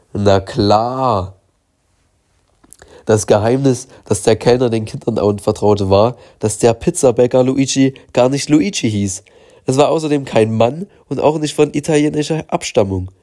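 A man narrates a children's storybook in a calm, measured way. His voice is mellow and warm at a middle pitch. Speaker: audiobook narrator.

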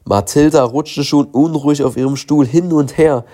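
A man narrating a children's storybook in a calm, measured reading voice. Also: a little high. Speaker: audiobook narrator.

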